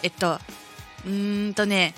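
A woman from the Oki Islands with a Shimane Oki dialect, chatting as a guest on a radio show in a relaxed, soft-spoken way. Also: mid-range voice, unhurried, soft background music. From Oki Islands, Shimane, Japan. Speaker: guest bassist. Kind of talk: casual chat.

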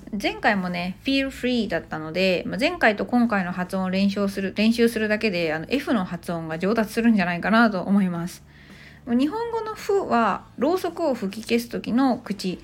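A woman in her thirties hosting a casual spoken English lesson, explaining slowly and chattily with many small fillers. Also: mid-range voice. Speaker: English teacher and podcast host.

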